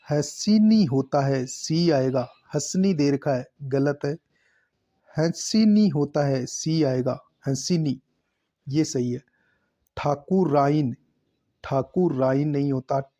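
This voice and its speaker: A man teaching a spelling lesson for exam prep, slowly repeating each word and marking it correct. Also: mid-range voice, mellow.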